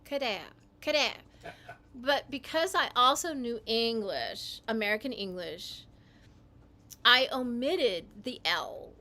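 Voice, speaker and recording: A woman hosting a livestream, talking in a meandering, halting way, often correcting herself as she types. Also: a little high, lively intonation, bright, forceful tone. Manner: typing while talking. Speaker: livestream host. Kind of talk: rambling livestream monologue.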